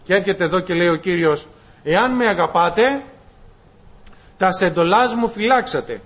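A man's voice: sits high, animated, a bit bright. A male preacher delivering a sermon, asking his listeners questions and retelling stories with voiced dialogue. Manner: asks the congregation rhetorical questions and acts out dialogue. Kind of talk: sermon with storytelling.

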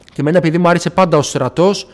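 A man from Athens giving an earnest personal faith testimony to a congregation, retelling past conversations and often addressing his listeners as brothers. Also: on the high side. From Athens, Greece. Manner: earnest, retells conversations with frequent "I say, she says" asides. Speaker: church member giving testimony.

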